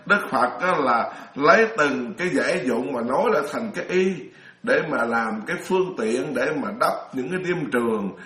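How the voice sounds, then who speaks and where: Middle-aged monk, storytelling dharma talk, slightly high voice, roomy echo. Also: male voice, sharp tone. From Vietnam. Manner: chatty storyteller, laughs often, many restarts. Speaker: Buddhist monk lecturer.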